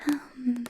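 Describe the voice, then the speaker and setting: Close to the mic and whispering, a woman plays a possessive ancient vampire boss in an ASMR roleplay, soft and doting with a quiet menace. There's slight background noise.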